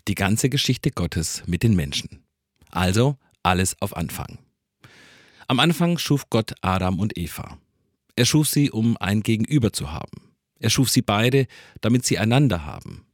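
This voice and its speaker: A man giving a calm, reflective Christmas sermon. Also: fairly low pitch, measured pace, breathy edge, no room sound, clean studio sound. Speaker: preacher.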